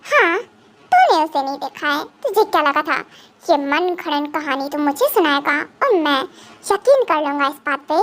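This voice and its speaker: A woman's voice: sits high, very animated, normal speed, fairly bright tone. A woman voicing a menacing young male psychopath gang boss in a fan dub drama, taunting and threatening.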